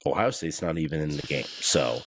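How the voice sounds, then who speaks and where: A man co-hosting a sports podcast, talking in a rambling, animated way and laughing often. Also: rumbling low, a little fast, breathy edge, no echo. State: a bit out of breath. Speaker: podcast co-host. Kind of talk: casual sports chat.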